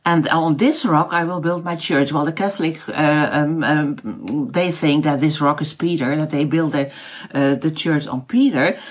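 This house church teacher from the Netherlands has a deep voice and talks at normal speed. The middle-aged woman teaches the Bible casually online in Dutch-accented English, often groping for words, filling pauses and starting over.

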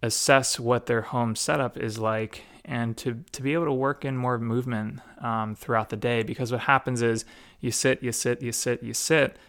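A young adult man, a mobility coach, explaining in a relaxed conversational way, with plenty of fillers and restarts. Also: mid-range voice, moderate pace. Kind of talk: casual explanatory talk.

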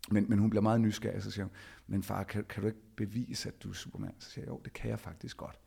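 A middle-aged man with a low, gravelly, somewhat husky voice tells a personal story. He is animated and performs the quoted lines himself, the way a podcast host talks. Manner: animated, acts out quoted dialogue.

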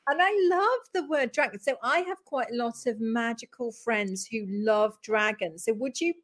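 A woman's voice: a little high, moderate pace. A woman hosting a live podcast stream, who introduces her guest in a chatty, friendly way. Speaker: podcast host.

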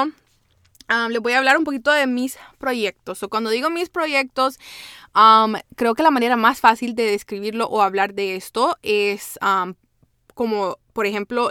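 Woman, podcast host, casual code-switching monologue, smooth clear voice, dry close sound. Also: mid-range voice, sharp tone, dry recording. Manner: chatty, switches between Spanish and English, many "¿verdad?" tags.

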